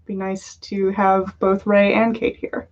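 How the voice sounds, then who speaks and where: Over dull, lo-fi livestream audio, a podcast host chats and jokes playfully with her viewers. She speaks at medium pitch with a flat delivery, taking it slowly.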